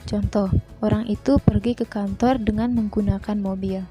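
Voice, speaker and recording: A woman teacher, reading a grammar lesson in a measured way and slowing down for example sentences. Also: mid-range voice, fairly even intonation, warm tone, soft background music. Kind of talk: scripted grammar lesson narration.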